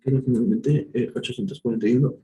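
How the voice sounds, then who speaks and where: A man with a mid-range, darkish voice tutors math live online, working problems step by step in a slow, patient manner while thinking aloud and correcting himself. The room sounds echoey, with faint noise.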